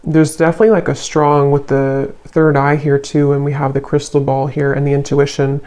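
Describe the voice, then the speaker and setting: A tarot reader talks through a card spread in a mellow, warm tone. The delivery stays flat and even, unhurried, often pausing to search for the next word. Soft fillers drift in between the thoughts. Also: medium pitch. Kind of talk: tarot card reading to camera.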